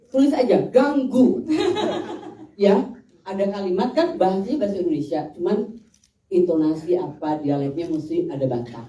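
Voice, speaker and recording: Mellow Sundanese woman, laughing actress. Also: medium pitch. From West Java. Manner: laughing, animated storytelling. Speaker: film actress. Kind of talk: press interview chat. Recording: echoey room, mic far off.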